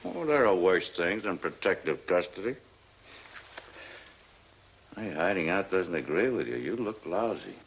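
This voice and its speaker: A hard-boiled police detective in an old crime drama. His voice is very low, with clipped, slangy, dryly mocking lines. There is some noise on the vintage soundtrack. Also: sing-song, measured pace, long pauses, full character voice, low-quality recording. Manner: clipped slangy tough talk.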